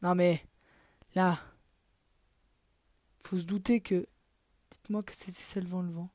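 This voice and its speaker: A woman talks her way through a game in an offhand, muttering let's play style, often sinking to a half-whisper and swearing under her breath. Her voice is mellow and dark, and the recording is dry and close with no room sound. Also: on the low side, flat delivery, unhurried, dry recording. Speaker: gaming video creator. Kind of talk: casual let's play commentary.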